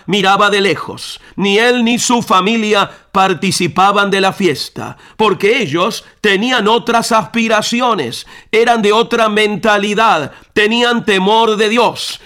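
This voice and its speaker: Brief: male devotional radio speaker, high, bright tone, unhurried storytelling sermon. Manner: earnest, direct appeal to the listener. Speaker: radio preacher.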